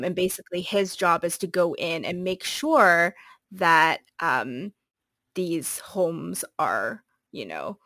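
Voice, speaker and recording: A podcast co-host with a lowish, slightly bright voice chats casually about a book she recommends, laughing frequently and saying um and like a lot. The recording is studio quality with no echo.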